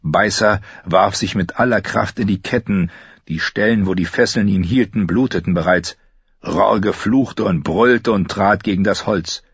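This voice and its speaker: A man's voice: on the low side, unhurried, husky, no echo, dull audio. A man reading a fantasy novel aloud as an audiobook narrator, telling it steadily and raising his voice for the characters' lines.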